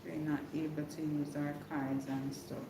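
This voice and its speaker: A woman's voice: low-pitched, little pitch movement, moderate pace. A woman with a Jamaican accent chatting casually to viewers in a live check-in, often repeating phrases for emphasis. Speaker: livestreamer giving a hurricane update. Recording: echoey room with clear background noise.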